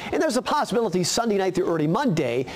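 An American male TV weather forecaster talks conversationally. His pitch is high and moves around a lot as he explains. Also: very animated, fast talker.

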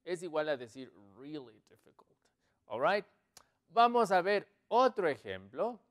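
Slow-speaking male English teacher. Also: fairly high pitch, sing-song, fairly bright tone. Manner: slow, deliberate, repeats example sentences. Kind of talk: online language lesson.

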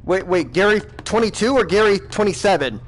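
High-pitched guy playing a villain boss, mock stern and fed up. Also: lively intonation, fairly quick, a little hiss or hum. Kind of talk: comedic gaming role-play.

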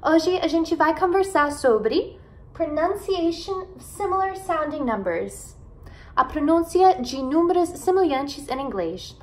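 Slow, high-voiced American woman teaching English. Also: animated, a little mellow. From United States. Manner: slow, drawn-out model pronunciations with frequent "né?" and "ok?" checks. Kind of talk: online English pronunciation lesson.

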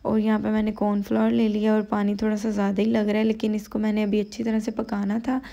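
Tired, slow-speaking woman with a gravelly voice. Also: medium pitch, monotone, dull audio. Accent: Pakistani Urdu. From Pakistan. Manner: slow, quiet, unhurried talk, full of "you know" fillers. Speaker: vlogger. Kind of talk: cooking vlog voice-over. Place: home at night, voice-over.

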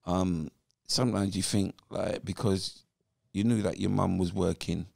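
A man, a podcast guest telling his story in a lively, animated way. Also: low voice, measured pace, gravelly, dry recording, clean studio sound. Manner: animated storyteller who acts out voices. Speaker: podcast guest, former footballer. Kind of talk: casual interview storytelling.

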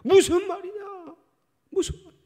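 A man's voice: high-pitched, sing-song, slow pace, husky, voice pushed up, full character voice. A pastor voicing a forgiving old father. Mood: jubilant. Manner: commanding, then tender. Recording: long church hall reverb.

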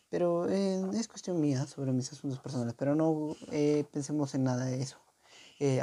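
A man casually reading a fan comic aloud to his viewers, relaxed and hesitant, with frequent filler sounds and small asides. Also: mid-range voice. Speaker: YouTuber reading a fan manga.

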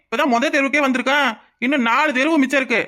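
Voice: high voice, steady tone, very fast, bright, forceful tone. A performer voicing a boastful, doting young village husband and strong laborer in a cartoon, speaking with a southern Tamil accent in a swaggering, playful, protective way. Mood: cocky. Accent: southern Tamil (Tirunelveli). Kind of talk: cartoon voice acting.

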